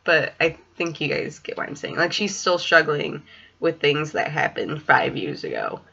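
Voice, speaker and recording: A woman's voice: deep voice, sing-song, moderate pace, gravelly, sharp tone, dull audio. A woman in her twenties who says w for r, chatting hesitantly in a casual, rambling vlog at home. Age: 20s. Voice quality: speech impediment, says w for r. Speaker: student teacher in special education. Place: small home room, indoors. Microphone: webcam or computer mic at desk distance.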